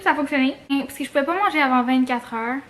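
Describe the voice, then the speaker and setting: A young woman with a Quebec French accent telling a personal story casually to camera, expressive and slangy, with swearing and English words mixed in. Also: high-pitched, fast, a little hiss or hum. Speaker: vlogger.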